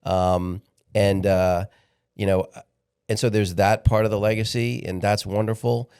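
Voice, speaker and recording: A man's voice: fairly low pitch, flat delivery, a little mellow, clear, resonant tone. A man of sixty, a podcast guest talking candidly in a casual interview, often restarting his sentences. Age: 60s. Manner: candid, halting, repeats words when restarting.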